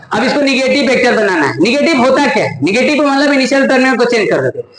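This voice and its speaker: High-voiced man lecturing in an echoey classroom. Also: big pitch swings, fast talker, fairly bright tone. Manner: scolding and joking with students, repeated check-ins. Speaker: math teacher. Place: classroom with students. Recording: echoey classroom with student chatter.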